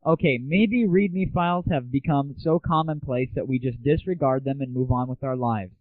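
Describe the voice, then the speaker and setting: Gaming talk comes from a young internet radio host with a medium-pitched voice at normal speed, delivered in a sarcastic, irreverent, slangy style. The dry recording sounds tinny and roomless, like phone-quality 1990s web audio.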